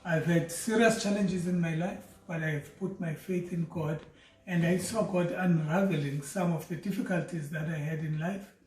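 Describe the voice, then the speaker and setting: Middle-aged South African man, high, earnest and measured, personal introduction, roomy off-mic sound. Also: steady tone, darkish tone. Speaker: doctor and theology student. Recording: roomy, mic at a distance, faint music.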